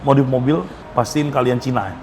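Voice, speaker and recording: A food vlogger with a Jakarta Indonesian accent reviews a dish in a restaurant, casual and enthusiastic, using slang and dropping in English phrases. His voice is mid-range and a little mellow, brisk, with fairly even intonation. The clip is clear, with restaurant ambience in the background.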